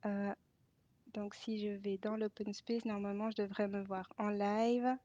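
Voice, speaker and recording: Hosting a relaxed live stream, this Belgian woman leads laughter yoga with a warm, medium-pitched voice at a measured pace, flat in delivery and free of echo. She stumbles hesitantly through fillers and restarts, laughing frequently. The sound comes through an added mic as dull lo-fi stream audio.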